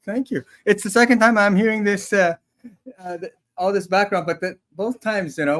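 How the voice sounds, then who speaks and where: A man in his forties from Taiwan, co-hosting a casual livestream chat, talking in a chatty, self-deprecating way with frequent restarts. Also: fairly high pitch. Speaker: podcast co-host.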